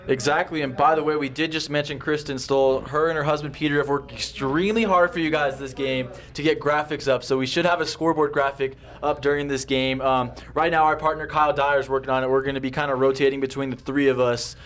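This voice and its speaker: A man's voice: medium pitch, fairly even intonation, fast talker, hardly any pauses, a bit bright. A man doing enthusiastic, upbeat play-by-play commentary on a football game. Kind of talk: live sports commentary.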